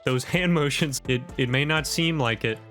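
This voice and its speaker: Male online video host, medium pitch, wired and over-caffeinated, punchy emphatic tutorial delivery, faint music underneath. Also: normal speed, fairly bright tone. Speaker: YouTube content creator and host. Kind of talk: direct-to-camera tutorial, scripted vlog. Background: background music.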